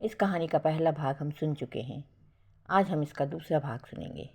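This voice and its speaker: Brief: low-pitched woman narrator, calm and measured, reading a love story. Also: slightly rough.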